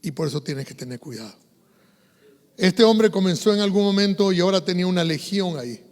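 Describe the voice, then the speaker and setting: A male pastor with an Ecuadorian Spanish accent delivers a sermon in a high voice. He drops to a hush and then rises into fervent, loud preaching. The sound carries the long reverb of a large church hall. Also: animated, a little fast. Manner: swings from hushed to loud, preaching fervor.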